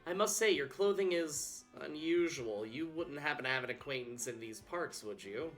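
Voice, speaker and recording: A man's voice: fairly high pitch, animated, fairly bright tone, faint music behind. A man reading as a fussy, polite professor. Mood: curious. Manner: quick, fussy, politely questioning. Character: eager, chatty male professor, polite and old-fashioned.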